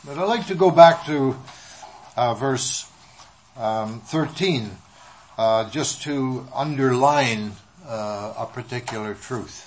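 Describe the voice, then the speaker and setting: A man leading a Bible study, speaking in measured phrases with pauses and fillers for an interpreter. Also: medium pitch, a little hiss or hum, rough recording. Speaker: Bible teacher.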